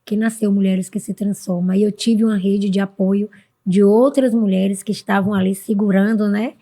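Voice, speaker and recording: Earnest Brazilian woman with a mellow voice. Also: steady tone, normal speed. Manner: earnest, with sudden high-pitched bursts when quoting others. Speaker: podcast guest, mentor for women. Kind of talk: casual interview talk.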